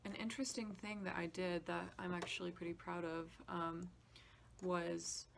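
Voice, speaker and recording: With music demo clips playing behind her, a podcast composer walks through her behind-the-scenes work casually. Her voice is lowish and level with vocal fry, at a normal speed, and her explanations are informal and slightly hesitant.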